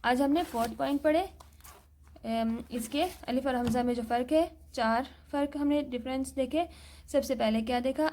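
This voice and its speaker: A woman with a Pakistani Urdu accent teaching Quran reading, patiently repeating each point and slowly sounding out example words. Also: fairly high pitch, warm tone. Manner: patient, repeats points and asks "theek hai?". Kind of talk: recorded tajweed lesson.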